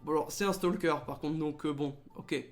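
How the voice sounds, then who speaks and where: A man's voice: fairly high pitch, steady tone, normal speed, faint music behind. A young man hosting a let's play in casual gaming commentary, reading the game text aloud and adding sarcastic, joking asides.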